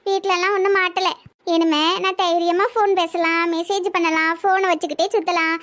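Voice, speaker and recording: A woman's voice: extremely high pitch, level tone, a little fast, fairly bright tone. A woman voicing a chatty young village woman in love, with a Tirunelveli Tamil accent, for a cartoon comedy. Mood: teasing. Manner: teasing, chatty.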